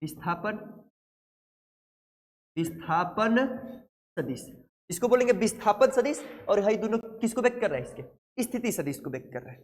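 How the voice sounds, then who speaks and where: A man teaches physics in a high, lifted voice. He keeps the class on its toes, asking the same question again and again and then answering it himself. The sound trails off in a long hall reverb. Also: expressive, moderate pace, pauses often. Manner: quizzes the class constantly, repeating questions and answering them himself. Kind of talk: classroom lecture.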